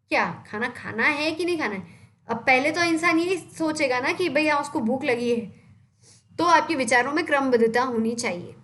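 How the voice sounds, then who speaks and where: A woman's voice: high voice, a bit bright. A young woman teaching an exam-prep lecture, explaining step by step and answering her own questions.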